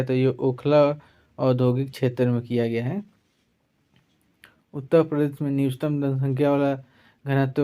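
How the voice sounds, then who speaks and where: A man with a smooth, dark, medium-pitched voice teaches an online exam-prep class. He goes through the facts one point at a time, adding a recurring tag after every item he lists.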